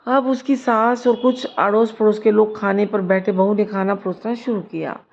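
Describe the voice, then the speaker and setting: Slow-reading woman storyteller, lo-fi. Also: mid-range voice, steady tone, gravelly. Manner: slow, measured reading, lifts voice for the mother-in-law's lines. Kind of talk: read-aloud moral story narration.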